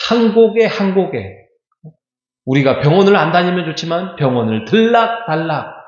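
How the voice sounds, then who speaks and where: Preaching to his congregation in a church sanctuary, a middle-aged pastor uses a fairly high, darkish voice and a conversational style dotted with rhetorical questions. The sound is dull and lo-fi, with the echo of a church hall.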